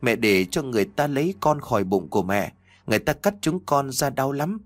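A man voicing a small ghost boy of about four who pleads slowly and reproachfully with the woman he calls his mother. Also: mid-range voice, sing-song, no room sound, pitched above the performer's own voice.

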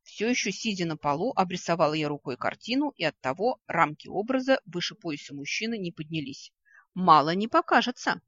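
Wry audiobook narrator, lively pitch. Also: brisk, hardly any pauses, husky, no echo. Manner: wry first-person storytelling. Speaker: audiobook reader. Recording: dry, slightly dull recording.

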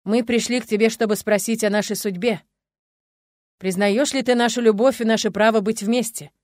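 A woman voicing a confident man, a dragon lord, speaking calmly and tenderly. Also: a little high, normal speed, no echo, clean studio sound, lightly acted. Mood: solemn.

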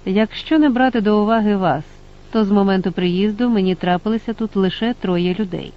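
A man voicing a calm, reserved traveller who answers evasively. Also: high-pitched, fairly quick, highs cut off, close to an everyday voice.

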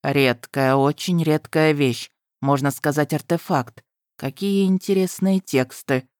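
A woman voicing a calm, sinister male dark elf mage who speaks slowly and measuredly. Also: deep voice, no echo, clean studio sound.

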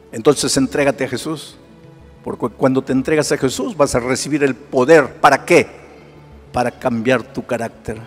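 A man preaching a sermon as pastor, swinging between loud exclamations and hushed low asides. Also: long reverb tail.

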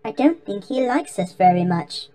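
An anxious male butler robot, prim and forever worried, speaking in a high, swooping voice. The tone is mellow rather than bright, and faint music plays underneath. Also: expressive, normal speed. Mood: fretful. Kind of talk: audiobook character voice.

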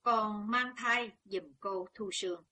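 A woman's voice: medium pitch, takes it slowly, bright, forceful tone. A woman voicing a young woman in pain who speaks in a strained but composed way.

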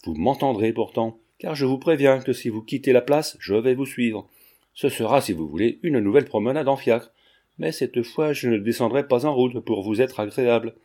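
Man voicing a stern young gentleman, curt, accusing, mellow low-key tone. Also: normal speed, lightly acted. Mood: harsh. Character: stern, insistent young gentleman confronting a lady.

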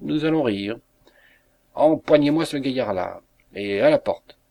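A man's voice: mid-range voice, expressive, measured pace, vocal fry, muffled recording. Man doing a jovial, bossy sergeant. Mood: commanding. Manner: jocular, barking orders.

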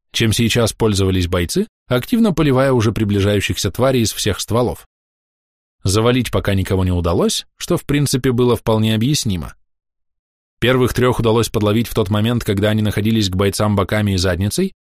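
A man reading a fantasy novel aloud as audiobook narrator, in a steady storytelling manner. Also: on the low side, no echo, studio quality. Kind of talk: scripted narration.

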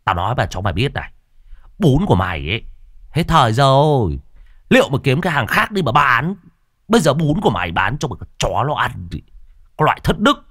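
A man's voice: mid-range voice, big pitch swings, brisk, fairly bright tone, no echo, studio quality, pitched above the performer's own voice. A man voicing a brash, effeminate male corn seller at a market who shrilly taunts a rival vendor. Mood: taunting.

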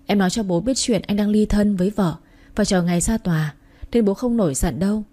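A woman's voice: medium pitch, fairly quick, dark tone, lightly acted. A woman voicing a clingy young pregnant mistress who pleads and wheedles. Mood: coaxing.

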